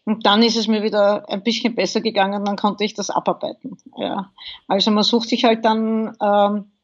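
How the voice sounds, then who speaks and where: A woman's voice: medium pitch, normal speed, dull audio. A woman, a podcast guest vividly recounting a crash she survived. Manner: vivid, animated storytelling. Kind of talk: interview, telling a survival story.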